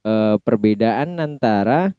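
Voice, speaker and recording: Indonesian man giving a slow phonology lecture. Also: lowish voice, animated, clear, resonant tone, dry recording. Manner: explains step by step, repeating example words slowly. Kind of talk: recorded slide lecture. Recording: dull, slightly lo-fi dry sound.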